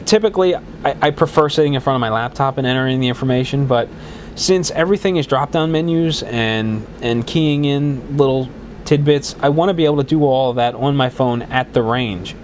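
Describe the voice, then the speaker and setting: Talking fairly quickly at a medium pitch, a podcast host rambles casually on his own show, restarting often and leaning on fillers. His head cold makes him congested and a bit worn-sounding, and slight background noise is present.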